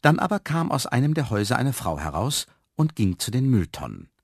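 A man reads a children's storybook aloud with expressive, lively delivery. His voice sits at a middle pitch with a lot of movement. The recording is dry and close. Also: brisk, dry recording. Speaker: narrator.

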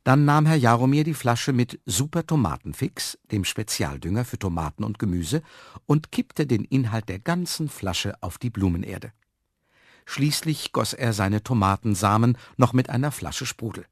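A man reading a children's story aloud, expressive and lively. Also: medium pitch, moderate pace, dry recording, studio quality.

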